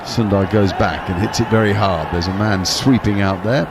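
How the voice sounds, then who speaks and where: Commentator, male, very low voice, steady explaining delivery, noisy audio behind. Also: crowd noise. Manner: measured, explanatory, with small restarts. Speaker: cricket commentator on a watchalong. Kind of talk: ball-by-ball commentary.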